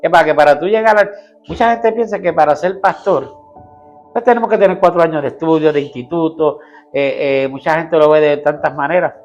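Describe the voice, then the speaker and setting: A man's voice: fairly high pitch, a little fast, highs cut off, faint music behind. A man, a pastor, telling his personal testimony in an interview, earnestly, acting out what people said to him. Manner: earnest storytelling, acting out quoted dialogue.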